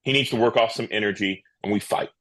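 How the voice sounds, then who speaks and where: A man's voice: fairly low pitch, fast talker, fairly bright tone. A man chatting casually as a player in a tabletop game, thinking aloud.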